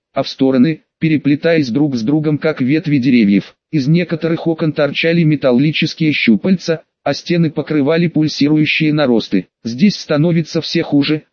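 A man's voice: on the high side, darkish tone, no room sound, lo-fi sound. A man reading an audiobook, narrating a fantasy action story with a sardonic edge.

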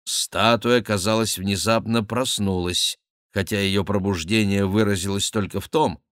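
A man reading a historical novel aloud in expressive audiobook narration, measured and close to the mic. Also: lowish voice, no room sound. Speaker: audiobook reader.

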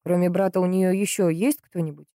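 A woman voicing a curt, matter-of-fact male doctor in her own low, mellow voice. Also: fairly even intonation, a little fast, no room sound, studio quality, lightly acted.

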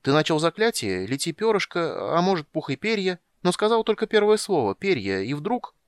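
Tasslehoff, a man doing a high excitable kender. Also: normal speed, dry recording, studio quality. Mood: excited. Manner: eager, breathless storytelling. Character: small curious excitable kender man, nervous.

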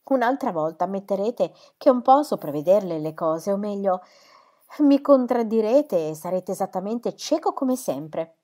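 A woman voicing a sharp gossipy lady. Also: fairly low pitch, moderate pace, natural voice. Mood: exclamatory. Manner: excited, sharp, exclamatory. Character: sharp-tongued gossipy rector's wife. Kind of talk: audiobook character reading.

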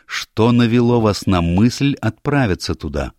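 A man's voice: expressive, measured pace, a little mellow, dry recording, studio quality. A man voicing a wealthy, businesslike middle-aged financier in a read-aloud story. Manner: businesslike, low-voiced.

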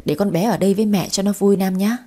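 A woman voices a bossy grandmother who barks orders at her family. The voice is warm and low-key but husky. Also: fast talker, lightly acted. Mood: coaxing. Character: bossy, scolding older grandmother.

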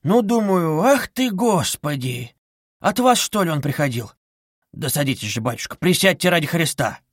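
A man's voice: fairly high pitch, very animated, moderate pace, slightly rough, no room sound, studio quality. A man voicing a sly, fawning middle-aged male investigator who wheedles and needles with ingratiating asides. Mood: insinuating.

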